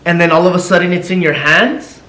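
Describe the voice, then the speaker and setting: A man, a husband and family vlogger, telling a personal story to the camera in a casual, excitable way, repeating himself and slipping into Spanish now and then. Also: sits high, a little fast, slight background noise. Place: living room at home. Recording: echoey room with soft music.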